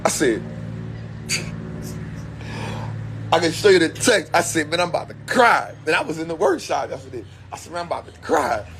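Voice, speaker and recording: A man with a fairly high voice giving a motivational talk straight to his audience. He repeats key lines again and again in a preaching, emphatic way, with a faint hum of room ambience behind him. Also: big pitch swings, moderate pace, long pauses, fairly bright tone. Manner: repetitive, emphatic, preacher-like phrasing. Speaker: vlogger and motivational speaker. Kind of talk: casual motivational talk to camera.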